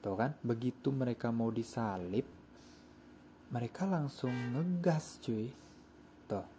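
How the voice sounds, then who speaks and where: A man's voice: medium pitch, expressive, unhurried, over music. A young man chatting casually in slang while he plays a bus driving game, hosting his own gaming channel.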